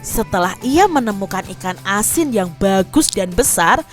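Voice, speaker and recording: A woman's voice: mid-range voice, expressive, moderate pace, soft background music. A woman teacher telling a fable to young children and explaining the lesson, often speaking to them directly. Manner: addresses children warmly as adik-adik. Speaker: primary school teacher.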